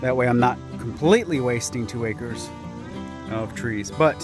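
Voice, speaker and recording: A man's voice: mid-range voice, moderate pace, over music. Chatty man vlogging outdoors. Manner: chatty, self-deprecating, thinking aloud. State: slightly out of breath. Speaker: vlogger working his land. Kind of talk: casual vlog talk to camera. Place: outdoors on a wooded clearing.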